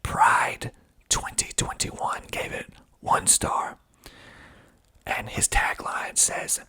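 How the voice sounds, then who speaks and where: Whispering breathily in ASMR fashion, a man who made and acted in a film reads its reviews aloud, adding dry, low-key comments. He goes very slowly, with a bright, forceful tone.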